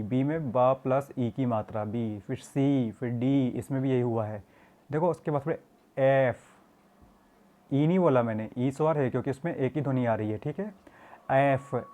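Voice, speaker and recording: Middle-aged guy teaching english grammar to kids, mixes hindi and english, talks real slow. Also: mid-range voice, darkish tone. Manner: slow, explains in Hindi mixed with English, calls students "beta". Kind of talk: classroom grammar lesson.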